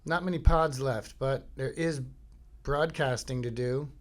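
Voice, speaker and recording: In his home studio, a middle-aged podcast host from Florida rambles through a comic monologue in an unhurried, mid-range voice. He keeps interrupting himself with jokes, silly songs, and impressions.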